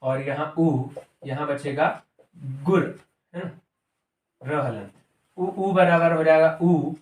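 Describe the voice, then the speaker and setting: A man with a voice on the high side takes his time teaching a classroom-style grammar lesson as a Sanskrit and Hindi grammar teacher. He goes step by step, repeating terms and asking "ठीक है", while the distant, off-mic recording captures an echoey room.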